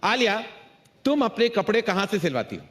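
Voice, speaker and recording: Teasing high-voiced male co-host. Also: very animated, moderate pace, fairly bright tone. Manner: mixes English, teasing, mock-authoritative. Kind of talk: comic banter on an award stage. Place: large award show stage. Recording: crowd and noise behind.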